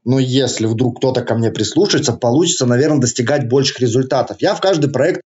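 A man's voice: medium pitch, fast, darkish tone, muffled recording. A man with a slight lisp and slushy sibilants chats casually in an interview, using slangy, joking, colloquial phrasing. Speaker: targeted-ads specialist, interview guest.

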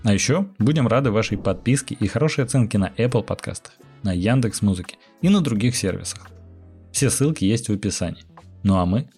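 A fairly low-pitched man hosts a film podcast in a friendly, chatty way. Light music plays faintly underneath his voice. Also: expressive, brisk, darkish tone, breathy edge. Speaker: podcast host. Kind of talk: announcement then casual chat.

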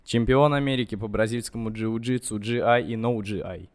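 A man's voice: medium pitch, normal speed, darkish tone. A man co-hosting a podcast, introducing the topic and guest with playful mock formality. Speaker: podcast co-host. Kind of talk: casual podcast talk.

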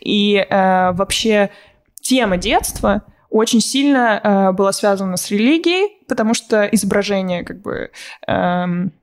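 A woman's voice: mid-range voice, expressive, a little slow. A woman in her twenties, a guest on a casual podcast, explaining at length with frequent hesitations and apologetic asides. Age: 20s.

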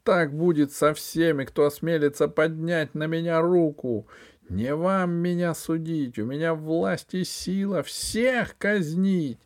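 A man reading an audiobook, voicing a furious power-mad usurper who shouts at his guards. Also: medium pitch, sing-song, very slow, hardly any pauses, pitched above the performer's own voice. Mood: raging. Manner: shouting, ranting.

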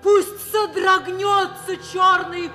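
A woman acting a grave, defiant woman who recalls her harsh youth, in a breathy, hushed, solemn 1960s radio drama narration. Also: extremely high pitch, flat delivery, faint music behind, full character voice. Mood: impassioned. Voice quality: breathy, often hushed to a whisper. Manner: slow, solemn, impassioned declaiming. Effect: old radio show sound.

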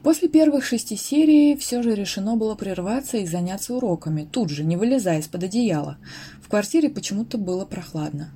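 A woman reading a first-person audiobook, expressive storytelling narration. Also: mid-range voice, a little fast, slight background noise.

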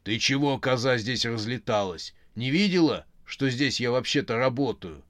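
A man voicing a small, grumpy toy teddy bear with a smoke-roughened voice, scolding and bossy. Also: mid-range voice, lively intonation, moderate pace, fairly bright tone, no echo, lightly acted.

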